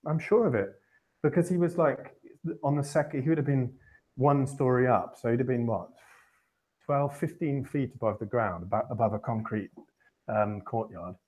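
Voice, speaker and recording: A podcast host with a medium-pitched, darkish, husky voice tells a long personal anecdote at a normal speed. He rambles and corrects himself as he goes, chuckling wryly in this casual storytelling.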